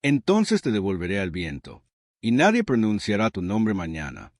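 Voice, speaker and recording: A male narrator voices a proud, commanding widow of the tribe, her pitch fairly low as she speaks slowly and gravely. Every word lands like a verdict, measured and weighty. The storybook reading is close and dry with no echo, yet it rises and falls with life.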